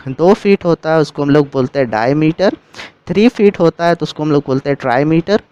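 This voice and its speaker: A man's voice: fairly high pitch, expressive, brisk, warm tone, smooth, poor audio. A man teaching a literature lesson, explaining terms step by step and rephrasing them as he goes.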